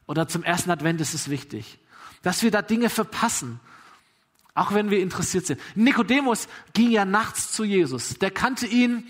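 A man's voice: high voice, expressive, normal speed, a bit bright. A man preaching a sermon in a casual, conversational way, retelling Bible dialogue in everyday slang.

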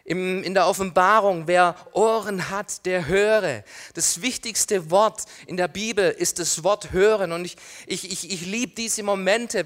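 A middle-aged male pastor preaching a sermon, swinging from loud calls to hushed near-whispers and asking listeners questions directly. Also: sits high.

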